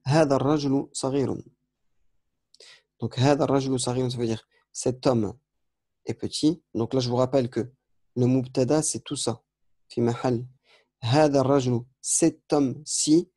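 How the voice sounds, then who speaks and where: Dry, mellow-voiced man teaching grammar. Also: mid-range voice, fairly even intonation, normal speed, pauses often, dry recording. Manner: explanatory, repeats and corrects himself. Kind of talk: recorded lesson correcting exercises.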